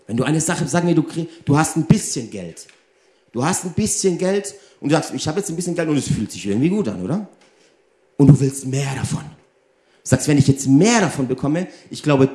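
A man delivers a lively sermon in a voice pitched a little high, turning to his listeners again and again with rhetorical questions. The sound rings around a reverberant room. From Germany. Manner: animated, addresses the audience directly with rhetorical questions. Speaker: preacher.

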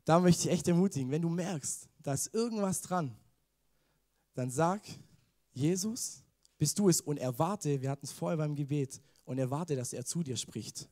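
A man's voice: on the high side, normal speed, mellow. A man preaching a casual sermon. He talks in a chatty way, mixes in English slang and keeps asking the listeners questions. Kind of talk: informal youth sermon.

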